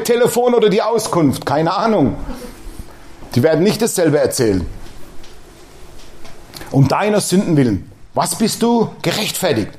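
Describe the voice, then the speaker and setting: Pastor, male, middle-aged, plain-spoken sermon delivery with quoted voices, slightly high pitch. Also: a little mellow, slight background noise. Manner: blunt, colloquial preaching that acts out quoted voices.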